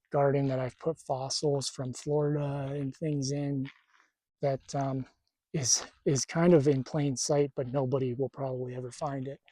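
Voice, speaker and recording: Man, casual vlog, stuttering, rambling, strained throat, dry close sound, mellow. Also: mid-range voice, no echo. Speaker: spiritual vlogger. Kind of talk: casual talk to camera. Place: outdoors at a desert campsite.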